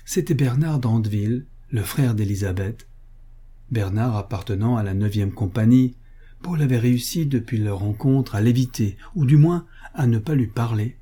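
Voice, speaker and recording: A man reading an audiobook novel aloud in a steady, measured narration. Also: medium pitch, husky. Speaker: audiobook reader.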